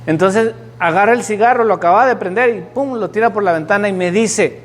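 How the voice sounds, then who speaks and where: A man's voice: high-pitched, fairly quick, in a large hall. A man preaching a sermon, telling stories and asking the congregation questions with rising emphasis. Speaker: pastor.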